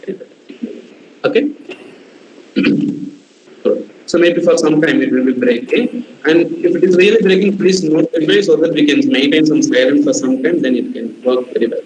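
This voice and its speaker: This workshop trainer's voice sits on the high side, and he talks at a moderate pace. He's a man with an Indian English accent teaching live over a video call, giving step-by-step tips in numbered order and falling back on "okay" repeatedly. The recording has that dull, roomy video-call quality plus a faint hiss.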